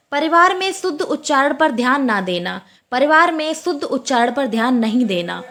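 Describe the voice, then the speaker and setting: A woman teaching an exam-prep lecture, repeating each point slowly and asking and answering her own questions. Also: high voice, a bit bright.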